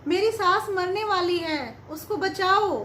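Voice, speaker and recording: A woman's voice: very high voice, takes it slowly, pushed and bright, a little hiss or hum, exaggerated voice. A woman voicing a loving young daughter-in-law who speaks earnestly in a spoken story. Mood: pleading. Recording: roomy echo.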